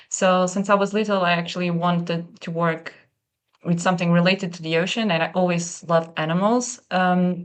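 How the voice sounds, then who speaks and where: A young woman from Portugal with a Portuguese accent, speaking English as a guest in a casual conversation and pausing often with fillers. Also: lowish voice, a bit bright, clean tone. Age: young adult. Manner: thoughtful, with many pauses and fillers. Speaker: guest, PhD researcher.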